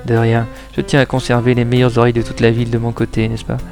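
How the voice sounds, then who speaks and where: A man's voice: medium pitch, monotone, fast talker, over music, natural voice. A man reading an audiobook voices a hard-boiled male private detective who speaks curtly and wryly, in command. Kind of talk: audiobook character voice.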